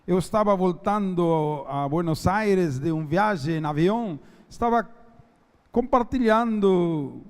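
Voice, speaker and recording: A man preaches in a high, animated voice. He reads scripture slowly and stresses each phrase. The reverberant church hall rings around him. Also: clean tone. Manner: emphatic, slow, drawn-out preaching cadence. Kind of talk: sermon with Bible reading.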